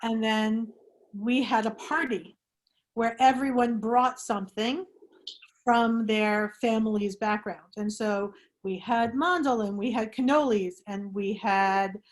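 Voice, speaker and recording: A woman hosting an online group chat, talking in a rambling, animated way with many restarts. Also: a little high, slow pace. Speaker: discussion host. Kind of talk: casual talk to an online group.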